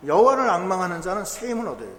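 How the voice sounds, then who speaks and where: A man preaches in a church, explaining scripture in a conversational, emphatic way. His voice sits a bit high for a man. The sound is roomy, with a long hall tail. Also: sing-song, very fast, fairly bright tone. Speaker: pastor. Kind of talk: sermon. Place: church sanctuary.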